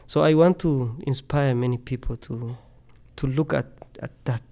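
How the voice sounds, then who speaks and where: A man's voice: medium pitch, fairly even intonation, moderate pace, gravelly, warm tone. A middle-aged man from Tanzania, a scientist guest speaking earnestly in a podcast interview, often repeating words as he thinks.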